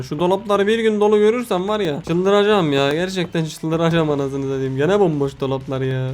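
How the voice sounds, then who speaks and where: A man doing let's play commentary, excitable, talking to the game's characters and swearing often. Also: a little high. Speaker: gaming video host.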